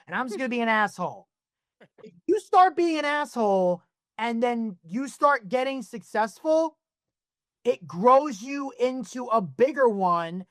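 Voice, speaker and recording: A podcast co-host who talks bluntly and swears freely while spelling out their reasoning. The voice sits at a middle pitch and is recorded dry and close. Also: no echo. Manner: blunt, profane, fast-talking explaining. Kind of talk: casual wrestling podcast chat.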